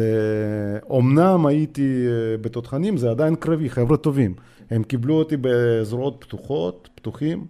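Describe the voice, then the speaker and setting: A man in his forties with a Russian accent, a podcast guest telling his own story in a hesitant, halting way full of filler sounds. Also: medium pitch, mellow. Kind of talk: personal storytelling.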